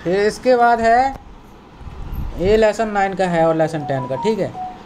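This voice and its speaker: In a vocabulary lesson for children, a patient man repeats words, spells them out letter by letter, and checks that they're understood. His voice sits high and has a darkish tone, and he speaks unhurriedly. There's slight background noise.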